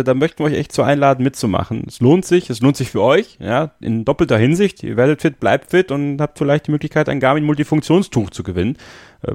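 A man's voice: medium pitch, a little mellow, dry recording, studio quality. A man co-hosting a podcast, speaking with enthusiasm and gratitude in casual chat, with plenty of hesitations. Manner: enthusiastic, grateful, many fillers. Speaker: podcast co-host.

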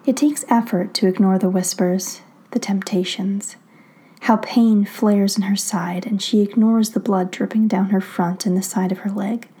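Woman whispering a story, mellow and breathy. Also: medium pitch, fairly even intonation, moderate pace. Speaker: story reader. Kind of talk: whispered narration.

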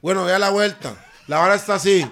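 A Costa Rican man in his twenties, a guest in a casual podcast chat, animated and joking with dramatic outbursts. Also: sits high, brisk, noisy background. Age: 20s. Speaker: guest artist.

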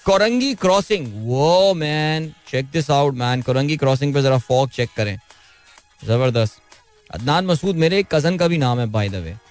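A man's voice: medium pitch, measured pace, a little mellow, soft background music. A man with a Pakistani Urdu accent hosting a live morning show in a breezy, chatty, informal way.

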